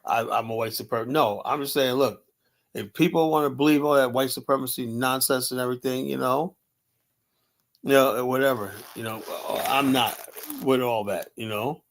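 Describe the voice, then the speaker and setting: This live-stream host from the US delivers combative commentary in a steady, mid-range voice at a moderate pace. He's blunt and profane, argues his points, and keeps saying "you know."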